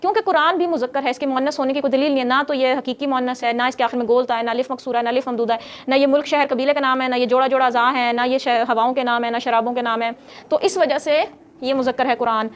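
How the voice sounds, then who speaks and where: A woman's voice: high voice, fairly even intonation, highs cut off. A woman teaching a grammar class who explains step by step, quizzes her students and scolds them when they get noisy.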